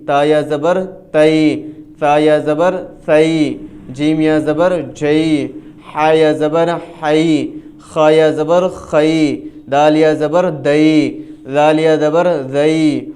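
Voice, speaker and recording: Man teaching in a flat, even drone. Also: a little high. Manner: spells letters syllable by syllable, then reads them in a flowing run; firm and instructive. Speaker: Quran reading teacher. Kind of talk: spelling drill lesson.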